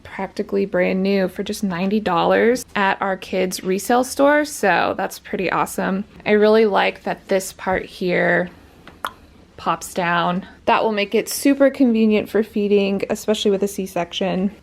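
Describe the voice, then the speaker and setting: A woman's voice: mid-range voice, measured pace, gravelly. A pregnant woman, chatting casually on a home vlog and a little short of breath. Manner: chatty, upbeat, often laughs. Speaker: vlogger. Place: bedroom at home.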